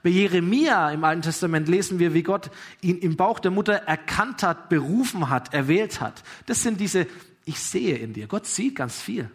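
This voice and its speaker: Husky-voiced man preaching a sermon. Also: sits high, normal speed. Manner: earnest, encouraging, retells scripture with lively quoted dialogue. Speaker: pastor.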